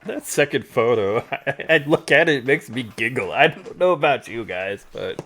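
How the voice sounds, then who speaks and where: This live-stream host spins casual, funny stories over photos, frequently chuckling and animatedly voicing the quotes of the people involved. He speaks at a normal speed in a medium-pitched voice.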